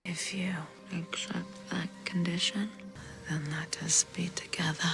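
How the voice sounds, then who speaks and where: A cold, vengeful noblewoman in a historical TV drama. She speaks low, in a breathy whisper. Music plays clearly beneath her. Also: fairly even intonation, measured pace. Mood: cold, threatening. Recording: drama soundtrack with music behind.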